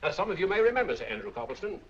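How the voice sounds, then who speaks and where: A man's voice: high-pitched, sing-song, rapid-fire. An actor playing a male auctioneer, coaxing bids with showy sales patter. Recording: dull old film soundtrack.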